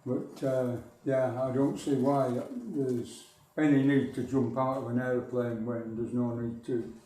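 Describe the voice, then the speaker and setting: An older man from northern England, a local history speaker, tells a society rambling, wry anecdotes in a medium-pitched, mellow voice. His tone stays level and his pace is a little slow. He is recorded from far off in an echoey hall.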